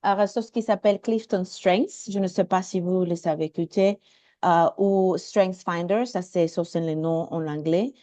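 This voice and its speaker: A woman from Mexico with a Mexican Spanish accent, introducing herself informally and apologetically searching for words in a language she speaks haltingly. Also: lowish voice, steady tone, dark tone. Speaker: networking meeting participant introducing herself. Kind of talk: informal self-introduction at an online meeting. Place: indoors, video call.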